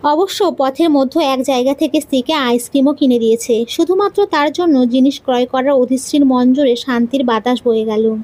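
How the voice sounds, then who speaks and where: A woman narrating a romantic audio story in a steady, expressive reading. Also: high-pitched, a little fast, hardly any pauses, no room sound.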